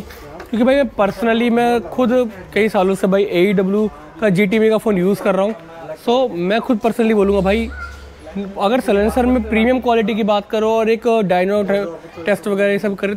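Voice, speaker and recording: With a high-pitched yet darkish voice, steady tone and normal speed, a man in his 20s presents a casual motorcycle vlog. He calls his viewers buddies and weaves English words into the conversation. A wired lavalier mic picks him up on a narrow residential street outdoors.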